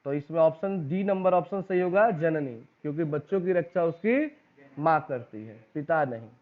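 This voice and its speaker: A man's voice: fairly high pitch, lively intonation, moderate pace. A male teacher with a Bihari Hindi accent takes a class through exam questions. He reads each question and its options, then asks the class for the answer and repeats it back. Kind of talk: exam-prep lesson, reading out quiz questions and options. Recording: tinny phone-like recording.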